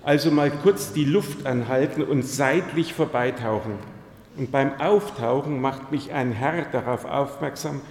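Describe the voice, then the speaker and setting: A man's voice: mid-range voice, measured pace, darkish tone. A man giving a sermon, telling personal stories and turning to the congregation with direct questions. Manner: storytelling, addresses the congregation directly. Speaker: pastor. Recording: echoey church hall.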